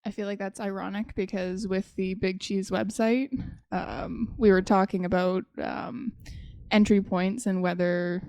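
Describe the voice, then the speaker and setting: A young woman hosts a relaxed podcast, talking in a loose, chatty way with plenty of fillers. Her voice is smooth and clear. It is recorded close and dry, with no room sound. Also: medium pitch, measured pace, no echo. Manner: chatty, with fillers and self-corrections. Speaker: podcast host. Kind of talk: casual podcast chat.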